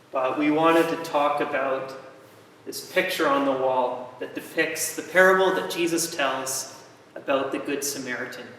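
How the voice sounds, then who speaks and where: Echoey, higher-pitched man giving an informal sermon. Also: fairly bright tone. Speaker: host of a faith series, preacher. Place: echoey gym, indoors. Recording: very echoey gym, distant mic.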